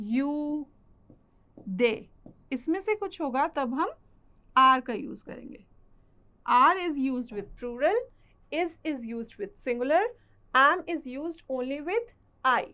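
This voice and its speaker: A woman teaching English grammar, explaining in Hindi and reading out English example sentences slowly in an Indian accent. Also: high voice. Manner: switches between Hindi explanation and slow, carefully spelled-out English examples. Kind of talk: classroom grammar lesson.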